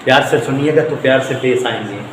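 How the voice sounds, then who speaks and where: A man's voice: mid-range voice, fast talker. A male physics teacher giving a classroom lecture to students, repeating key points with emphasis and joking asides. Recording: echoey room with long reverb, faint noise.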